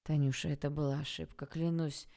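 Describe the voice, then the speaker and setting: A woman doing a low, menacing jealous young man. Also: flat delivery, brisk, warm tone, dry recording, clean studio sound. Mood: pleading. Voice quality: low threatening voice.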